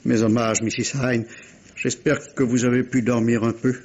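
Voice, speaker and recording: Playing a polite, persistent yet hesitant police inspector with a veiled voice, an actor performs French radio mystery drama in a 1950s manner. His male voice sits at medium pitch with little pitch movement, normal speed and a little mellowness, close to an everyday voice. Courteous and flustered, he apologizes and repeats words hesitantly, all in a dull vintage radio recording.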